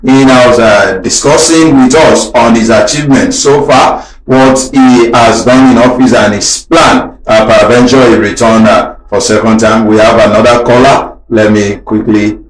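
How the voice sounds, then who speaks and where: Polite Nigerian radio host in an echoey studio. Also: male voice, medium pitch, steady tone, normal speed, few pauses. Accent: Nigerian English. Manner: polite, reads out listener messages, takes calls. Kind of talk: radio talk show hosting.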